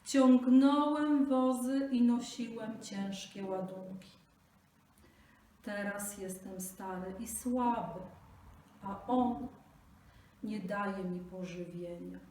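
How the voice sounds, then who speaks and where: A woman's voice: mid-range voice, steady tone, takes it slowly, warm tone, close to an everyday voice. A woman voicing a weary old male buffalo speaking in a tired, bitter way. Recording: echoey room, distant mic, faint noise.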